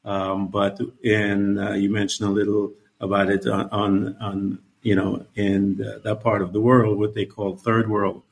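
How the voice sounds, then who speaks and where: A man's voice: on the low side, little pitch movement, measured pace, creaky, few pauses. Male interviewer from Guyana; rambling, searching, conversational questions.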